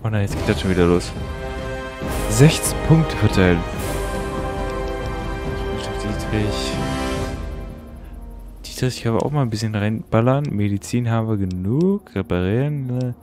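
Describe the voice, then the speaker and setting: A man's voice: fairly low pitch, animated, a little slow, long pauses, music in the background. A young man giving casual, slangy let's-play commentary and swearing at the game. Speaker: gaming YouTuber.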